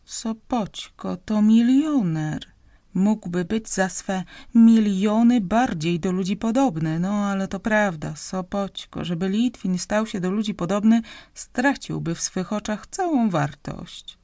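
A woman's voice: medium pitch, a little slow, mellow, dry recording, studio quality, natural voice. A woman reading an audiobook, voicing a grasping, domineering wife who scolds and interrogates her husband. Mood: scornful. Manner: scolding, interrogating, raised and insistent. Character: grasping sharp-tongued middle-aged wife, domineering.

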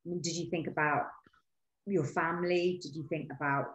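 A woman with a notably low voice hosts an interview, asking probing, searching questions. She restarts as she finds her words. Her voice rings in a roomy, echoey space. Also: fairly even intonation, moderate pace. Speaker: interview host. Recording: roomy echo.

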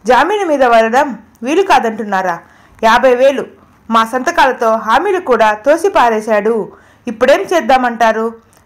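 A woman's voice: fairly high pitch, close to an everyday voice. A woman reading the part of a worried older man pleading on the phone for his foster son. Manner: pleading, emphatic.

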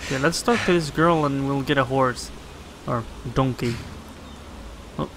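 Thinking aloud over his gameplay, a man hosting a gaming channel speaks casually and unhurriedly in a mid-range voice, leaning on plenty of fillers. His voice sits over loud game music, with slight background noise.

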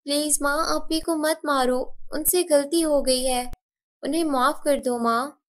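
A woman's voice: high voice, steady tone, measured pace, voice pushed up. A woman voicing a small, tearful little sister in a cartoon story, pleading and crying.

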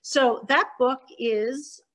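A middle-aged woman from Montreal speaks in a slightly higher voice, explaining her work as a children's author. She talks at home into a laptop webcam on a video call, pausing often with ums. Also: rough recording. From Canada (Montreal), born in Hungary. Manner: warm explanatory talk with frequent ums and pauses. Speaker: children's author giving a talk. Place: living room at home.

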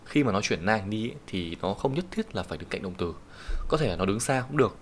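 Low-voiced Vietnamese man teaching kanji. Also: expressive. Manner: patient, explanatory, reads Japanese sentences slowly. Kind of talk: online lesson explaining kanji readings. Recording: faint background hiss and keyboard typing.

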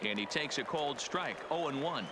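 A man with an American accent doing play-by-play commentary for a baseball video game, building up to drawn-out calls. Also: a little high, lively intonation. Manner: builds to drawn-out shouted home-run calls. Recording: loud stadium crowd and noise behind. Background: ballpark crowd.

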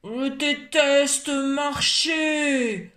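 A woman's voice: high voice, big pitch swings, slow pace, heavily acted. A woman voicing a grumpy, sulky little girl in a storybook reading, whiny and grumbling.

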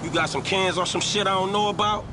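A man's voice: high-pitched, fairly even intonation, quick pace, background noise, close to an everyday voice. An actor playing an irritable, skeptical young male gangster in a video game, sarcastic and profane.

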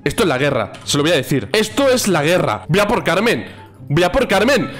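A man with a Spain Spanish accent, giving excitable, teasing gameplay commentary at home. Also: fairly high pitch, fairly quick, faint music behind. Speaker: gaming YouTuber.

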